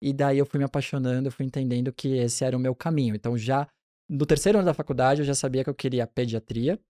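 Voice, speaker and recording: A pediatric neonatologist in his forties tells his career story in a relaxed, chatty interview, often restarting his sentences. His mid-range voice moves at a quick pace, and the clean studio recording has no echo.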